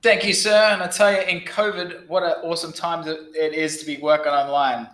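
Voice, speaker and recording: An Australian man in his thirties, a podcast guest, talks bluntly and casually in an interview, often restarting his sentences. His Australian-accented voice is a little high and a bit bright, with a flat, brisk delivery in a roomy-sounding space.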